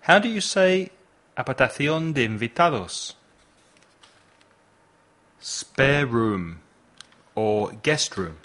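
Slow, patient male language teacher. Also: mid-range voice, animated, fairly bright tone. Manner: patient, prompts listener to repeat. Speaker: language teacher and podcast host. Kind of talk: slow, deliberate English lesson with drills.

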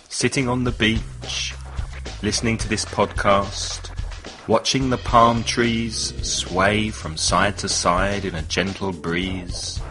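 A man hosting a bilingual English lesson podcast, leading slow, deliberate vocabulary drills with lots of repetition. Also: lowish voice, a bit bright. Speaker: English teacher and podcast host.

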